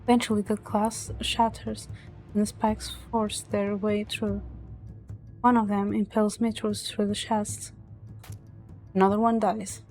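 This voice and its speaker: A woman's voice: mid-range voice, little pitch movement, measured pace, a little mellow, soft background music. A woman streamer reading story narration aloud from a visual novel, dramatic but stumbling over words now and then.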